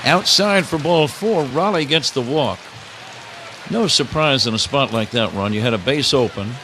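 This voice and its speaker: An older man with a medium-pitched voice calls baseball live on the radio from a stadium broadcast booth at normal speed. He breaks into casual banter now and then, and clear ambient ballpark noise sounds behind him.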